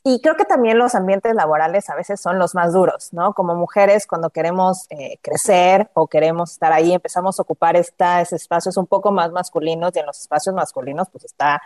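A woman's voice: lowish voice, a little fast, hardly any pauses, a little mellow, no room sound. A woman, hosting a podcast and talking things through in a reflective, conversational way. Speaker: host. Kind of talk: casual podcast chat.

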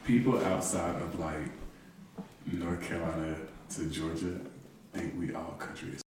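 A man's voice: low voice, steady tone, measured pace. A young man, chatting casually in a teasing, colloquial way. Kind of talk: casual group chat. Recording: very echoey, distant, noisy room.

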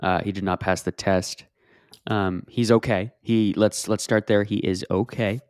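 A man playing a doctor who breaks news haltingly and apologetically in an improvised podcast comedy bit. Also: lowish voice, steady tone, darkish tone, no room sound, clean studio sound, lightly acted. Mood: gravely apologetic. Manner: halting, apologetic bedside delivery. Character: solemn male doctor delivering news.

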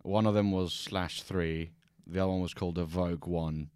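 A man's voice: low voice, fairly even intonation, normal speed, a little mellow, clean tone, dry recording, studio quality. A man guesting on a podcast as a digital artist, easygoing and agreeable, talking casually about his work. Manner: easygoing, agreeable, lots of short yeahs. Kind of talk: casual chat.

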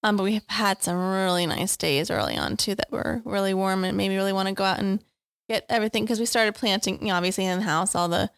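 A woman with a mid-range, gravelly voice chats on a home podcast. She talks warmly and affectionately and giggles often. The recording is close and dry. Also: medium pitch, fast, dry recording. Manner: warm, giggly, affectionate chatter. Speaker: podcast co-host. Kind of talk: casual family chat.

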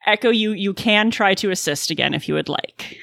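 A woman's voice: mid-range voice, a little fast, gravelly, fairly bright tone, dry recording. A woman narrating a tabletop game as game master in a casual, informal way.

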